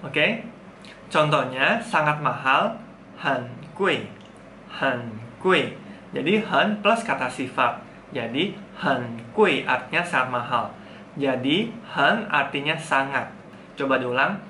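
A man teaching a grammar lesson, saying model words slowly and repeating them for learners. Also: medium pitch, expressive, bright, forceful tone, reverberant, slight background noise. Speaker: Mandarin teacher.

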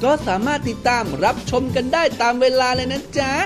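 A woman's voice: high-pitched, fairly even intonation, a little fast, over music. A woman reading a cheerful, friendly promotional voice-over for a TV segment. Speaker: voice-over narrator. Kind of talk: scripted narration.

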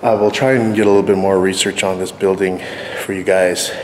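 Wandering through empty halls and rooms inside an abandoned church, this forties-aged urban exploration vlogger talks informally and straight to his viewers. His voice sits low and darkish, fairly quick with fairly even intonation, and the audio comes from a handheld camera at arm's length, noisy within the empty building.

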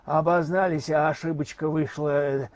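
A man's voice: on the high side, steady tone, dry recording, lightly acted. Man voicing a fawning, flustered brute soldier. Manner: slow, wheedling, stumbling apologies.

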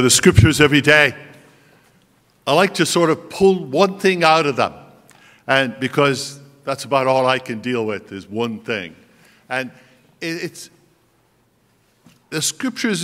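An older priest gives an informal homily, speaking in a halting, reflective, conversational way at a podium microphone. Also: male voice, fairly high pitch, a bit bright. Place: stage of a school auditorium. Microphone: podium gooseneck microphone. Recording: long reverb of a large hall.

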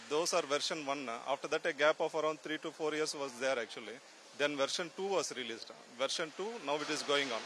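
A middle-aged man, a factory official, answering interview questions haltingly with many fillers, into a handheld mic indoors at a factory. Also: fairly high pitch, pushed and bright, slight background noise. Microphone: handheld mic held to him.

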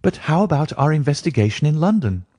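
A man's voice: medium pitch, animated, normal speed, creaky, dark tone, breathy edge, no room sound, voice pushed up. A man voicing a weak, eager young male client who is recovering from illness, speaking politely.

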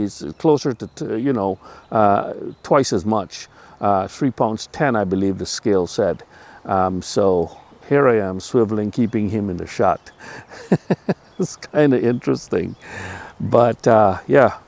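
An older man casually reviewing a camping chair outdoors by a lake on a lapel mic, talking in a relaxed, rambling way with lots of fillers. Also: medium pitch. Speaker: gear reviewer.

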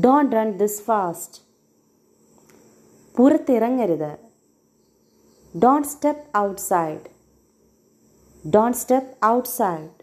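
Woman, Malayali accent, English teacher, repeated phrase drills, very slow, mellow. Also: fairly high pitch. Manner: slow, deliberate.

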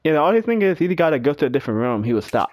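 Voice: mid-range voice, sing-song, racing, a little mellow, dry recording. A scared horror game streamer giving casual, nervous, giggly commentary with swearing while playing. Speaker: video game player.

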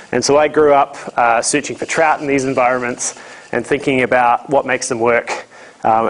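A man's voice: mid-range voice, poor audio. A man with a thick New Zealand accent giving an informal, dryly humorous illustrated lecture. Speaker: guest lecturer, ecology professor. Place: lecture room, speaking to a small audience.

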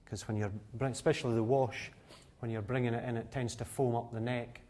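Indoors among the stills and casks, a man in his thirties who owns the distillery talks visitors through it in a mid-range, warm, steady voice, going a little fast. His explanations are plain and matter-of-fact, peppered with frequent "uh", and there's slight background noise.

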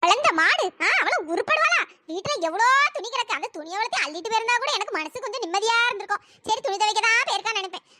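Old cartoon mother-in-law, a nagging scold with a pitch-raised squeal, noisy track. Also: animated, rapid-fire, few pauses. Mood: grumbling. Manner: cursing, nagging, wails when hurt. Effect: pitch-raised voice editing.

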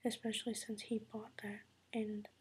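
A woman's voice: mid-range voice, flat delivery, normal speed, husky. A tired young woman whispering a late-night vlog at home so as not to wake her mother. She rambles with many fillers and wears a retainer. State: tired and upset. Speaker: vlogger.

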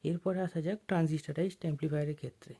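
A steady, mellow voice with a slight roughness and medium pitch guides listeners through a relaxed technical lesson. The instructor explains one step at a time, stopping now and then.

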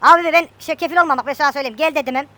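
A woman's voice: high-pitched, fairly even intonation, rapid-fire, sharp tone, no echo. A woman chatting casually and joking with a friend while playing a farming game. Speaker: gameplay streamer.

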